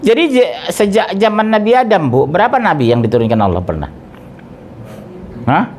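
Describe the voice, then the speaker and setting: Lively middle-aged man preaching. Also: sits high, normal speed, slight background noise. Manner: questions the audience, lively, jokes. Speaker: ustadz, preacher. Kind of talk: interactive religious study talk.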